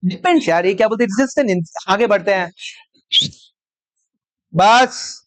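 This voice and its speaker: A man teaching a maths class, dictating slowly word by word and often checking whether the students follow. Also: sits high, dry recording, low-quality recording. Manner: slow dictation word by word, checks with frequent questions. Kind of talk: live class lecture.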